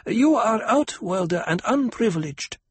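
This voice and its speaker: A man's voice: high-pitched, lively intonation, breathy edge, dry recording, voice pushed up, heavily acted. A man doing a young girl priestess. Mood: formal. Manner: slow, formal, ceremonial questions. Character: young girl priestess, earnest, slightly unsure. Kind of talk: audiobook character voice.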